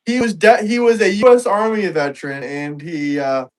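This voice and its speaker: A man's voice: high voice, steady tone, moderate pace, a little mellow. A man arguing on an online call. His connection keeps breaking up and dropping out, and he speaks in a blunt, combative way. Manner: blunt, argumentative, swears. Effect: online call cutting out and breaking up. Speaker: debate guest on a call. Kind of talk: heated political argument. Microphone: video call.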